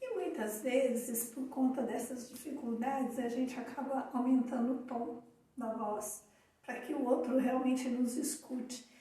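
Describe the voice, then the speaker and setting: A woman with a Brazilian accent co-hosting a live talk, telling a story in a calm, reflective way. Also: a little high, unhurried. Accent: Brazilian Portuguese. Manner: calm, reflective, tells anecdotes. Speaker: co-host of a live talk on emotional awareness. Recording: echoey room, far from the mic.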